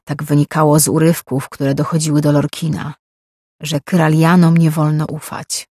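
An audiobook narrator giving a steady, even-paced reading of a fantasy novel. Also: medium pitch, moderate pace, husky, dry recording, clean studio sound. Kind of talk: scripted narration.

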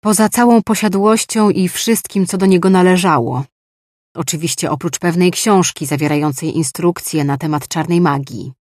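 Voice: medium pitch, normal speed, dry recording, clean studio sound, close to an everyday voice. A narrator voicing a stern, suspicious male administrator who gives cold commands in an audiobook. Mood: commanding. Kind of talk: audiobook dialogue.

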